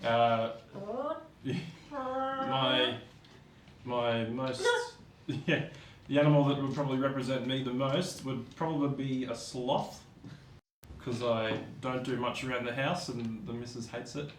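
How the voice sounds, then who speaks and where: A man's voice: mid-range voice, slow pace, pauses often, slight background noise. A man playing in a tabletop game, chatting in a laid-back way and chuckling as he talks. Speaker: player. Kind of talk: casual chat at a gaming table. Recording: roomy, distant mic.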